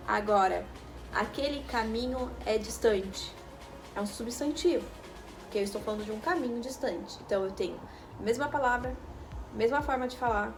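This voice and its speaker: In a video lesson, a woman with a slightly high voice explains things step by step and checks in with her viewers along the way. Background noise and a music bed sit under her voice.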